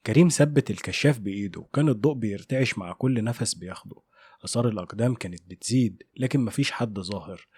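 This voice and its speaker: A man with an Egyptian Arabic accent narrating a scripted horror story in a measured, suspenseful way. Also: mid-range voice, dark tone, husky, dry recording.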